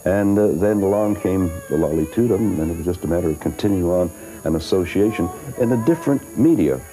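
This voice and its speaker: A man's voice: sits low, lively intonation, a little fast, warm tone, faint music behind, rough recording. An older man, a singer and actor, chatting in an interview and telling stories with lots of fillers, restarts and laughs. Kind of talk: interview, storytelling.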